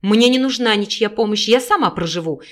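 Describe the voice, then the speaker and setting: A cruel, bitter mother, played by a woman reader, spits every word with loud scorn. Her voice stays harsh and hateful in this storybook scene. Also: medium pitch, expressive, brisk, lightly acted. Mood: cold contempt.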